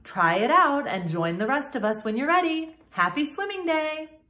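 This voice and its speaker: A woman voicing a protective, motherly old female goose, pitching her voice up into a sing-song tone. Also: lively intonation, moderate pace, bright, forceful tone. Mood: cheerful instructing. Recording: echoey room.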